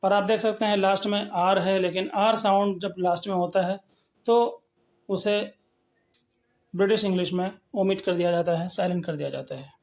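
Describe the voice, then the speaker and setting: High-voiced man teaching English sounds. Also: flat delivery, a little mellow. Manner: explains step by step, slowly sounding out example words. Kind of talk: lecture on phonetics.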